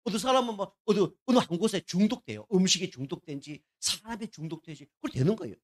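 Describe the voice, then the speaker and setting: A male pastor giving a conversational sermon to his congregation, asking them "right?" again and again and dropping from loud, emphatic bursts to quiet asides. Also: high-pitched, expressive, quick pace. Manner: conversational preaching, constant "right?" checks with the congregation. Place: church sanctuary.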